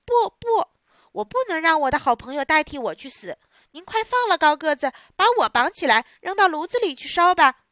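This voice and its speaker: A woman doing a high, pleading puppet boy. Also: sing-song, slow, a bit bright, no room sound, studio quality, heavily acted. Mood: brave. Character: scared, tearful wooden puppet boy. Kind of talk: storybook reading.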